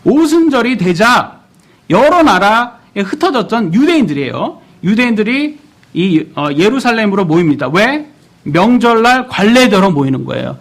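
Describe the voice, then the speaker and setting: A man in his thirties delivers a sermon in a church, his voice pitched high and swinging through a wide, lively range. He keeps turning to the congregation with questions. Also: moderate pace. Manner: animated, asks the congregation questions. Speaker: preacher.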